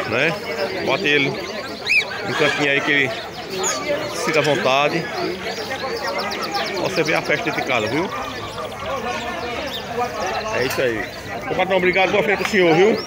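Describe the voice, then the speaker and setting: A man's voice: a little high, normal speed, pauses often. A man touring an outdoor animal market with a phone, chatting with sellers and talking to his viewers. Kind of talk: casual walk-and-talk vlog. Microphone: handheld phone camera. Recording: loud crowd at outdoor market.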